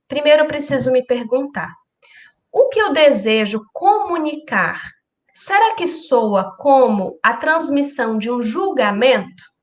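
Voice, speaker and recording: A woman giving a calm, explanatory religious lecture, often putting rhetorical questions to her listeners. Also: high voice. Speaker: lecturer at a spiritist center.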